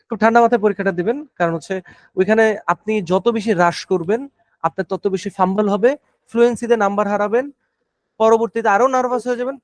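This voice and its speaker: Guy tutoring, high voice, slow and chewy on every word, dry sound. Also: no echo. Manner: slow, deliberate, stressing each word. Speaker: IELTS speaking tutor. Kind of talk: coaching a speaking practice class.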